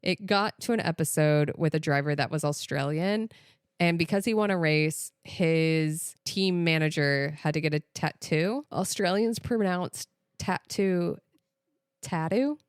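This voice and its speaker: An American woman co-hosting a podcast, talking in a chatty, animated way full of "like" and "literally". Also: sits low, a little slow, smooth, dry recording, clean studio sound. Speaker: podcast co-host. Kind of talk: casual chat.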